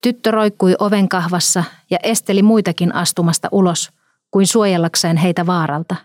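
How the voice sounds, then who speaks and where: Woman, lowish voice, calm story narration, dry close sound. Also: dry recording.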